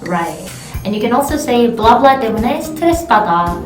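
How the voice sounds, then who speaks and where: A woman's voice: on the high side, lively intonation. Korean-accented woman teaching, roomy distant sound. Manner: encouraging, repeats phrases slowly for practice. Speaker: language teacher. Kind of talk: online language lesson. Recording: roomy, distant mic, faint music.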